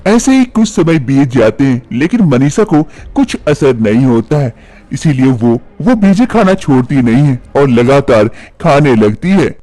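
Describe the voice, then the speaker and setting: Lively storytelling man, dry sound. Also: mid-range voice, no echo. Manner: plain storytelling. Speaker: narrator. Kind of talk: scripted storybook narration.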